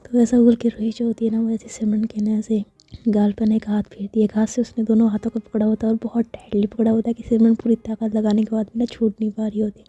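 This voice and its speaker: A woman telling a romance story in a hushed, whispered storytelling voice, quietly voicing both lovers herself. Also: fairly high pitch, monotone, fast talker, breathy edge, no echo. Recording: muffled dry close-mic recording with faint music.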